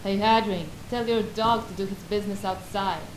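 A roomy, noisy game recording of a woman acting a tavern barmaid. She calls out loudly, sassy and annoyed, over a clear rumble. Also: steady tone, normal speed, lightly acted. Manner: loud, sassy barmaid call. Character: sassy, annoyed tavern serving woman snapping back at a patron. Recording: roomy, hissy rumbling game-capture sound.

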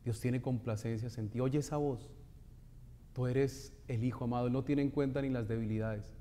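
A man leading Mass as a priest, solemn and measured as he recites prayers and leads the congregation's responses in a cathedral echo. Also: mid-range voice, fairly even intonation, warm tone, slight background noise. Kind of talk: liturgical preaching and prayer. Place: large church. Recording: long church reverb.

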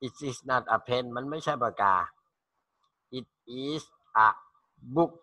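Slow, bright-voiced Thai teacher of English. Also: male voice, mid-range voice, no echo. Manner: reads English phrases slowly, then translates and repeats them in Thai. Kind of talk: online English lesson for school students.

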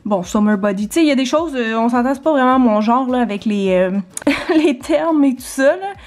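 A young Québécois woman vlogging from her home studio in a fairly high voice. She talks casually and loosely to the camera, trailing off and restarting, and pokes fun at herself often. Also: expressive, brisk, a little mellow. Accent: Québécois French. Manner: chatty, rambling, self-deprecating with frequent laughs. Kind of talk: casual vlog chat to camera.

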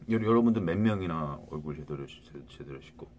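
A middle-aged man with a very deep voice rambles to his viewers, tripping over words and checking in with "right?" again and again. A faint hiss sits under his phone recording. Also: expressive, fairly quick, darkish tone. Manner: rambling, many restarts, keeps asking "right?". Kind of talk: rambling casual monologue to viewers.

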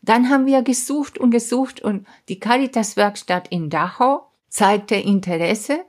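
A woman's voice: on the high side, a little slow, a little mellow. Earnest woman explaining a science project. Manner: earnest, explanatory, with emphatic asides like "ja?"; non-native grammar slips in German. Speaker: astrophysicist and science educator, podcast guest. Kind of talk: explaining in an interview.

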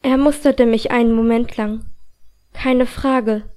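A woman reading a fantasy audiobook in first person, with a calm, even storytelling delivery. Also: a little high, takes it slowly. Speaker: audiobook reader.

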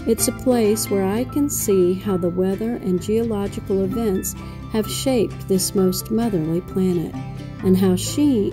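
A middle-aged woman vlogging about her travels, talking in a reflective, unhurried way. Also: medium pitch. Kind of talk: travel vlog narration and chat.

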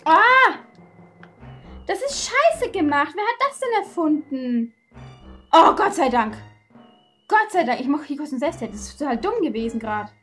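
A woman commentating a video game playthrough, excitable and quick to curse and shriek when frustrated. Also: high-pitched, faint music behind. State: out of breath. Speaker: let's play gamer.

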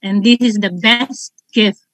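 A woman's voice: mid-range voice, slow, a bit bright, no echo, low-quality recording. A woman in her sixties with a Filipino accent, talking effusively on a video call, mixing Tagalog and English. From Philippines. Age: 60s. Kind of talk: casual chat.

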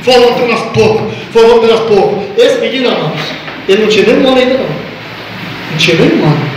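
A man's voice: extremely high pitch, fast talker. An older man, a pastor, giving an impassioned sermon testimony and crying out in prayer. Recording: echoey, distant church mic with noise.

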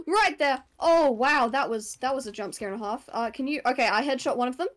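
High-voiced woman, jumpy scared game streamer. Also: fast. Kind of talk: casual live gameplay commentary.

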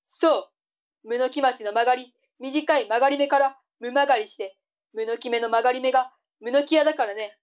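Woman doing a strict bossy mum in an audio play, slightly high voice. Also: a little fast, close to an everyday voice. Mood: brisk. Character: strict, bossy mother of grown children. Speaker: voice actor in a tongue-twister audio drama. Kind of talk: tongue-twister audio drama acting.

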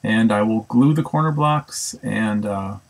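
A gravelly-voiced woodworking instructor gives a casual how-to narration in his home woodshop. His voice is lowish and his pace measured; relaxed, he thinks aloud with plenty of ums and self-corrections.

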